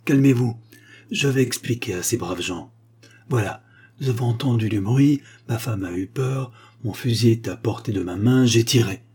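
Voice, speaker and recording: A man voicing a middle-aged country gentleman and husband, courteous and commanding in a measured way. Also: medium pitch, breathy edge, lightly acted. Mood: composed, formal.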